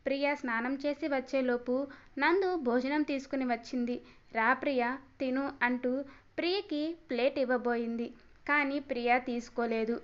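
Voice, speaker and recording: A woman storyteller giving a steady, expressive scripted narration of a family story. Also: sits high, moderate pace. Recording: slightly dull lo-fi audio.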